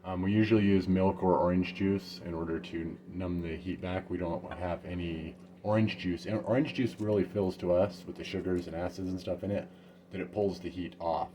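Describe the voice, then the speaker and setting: Over steady background noise, a man with a low voice speaks at a moderate pace while hosting a relaxed tasting vlog at home and in his backyard garden. He's a home gardener reviewing peppers, chatting in an easygoing, meandering way full of fillers.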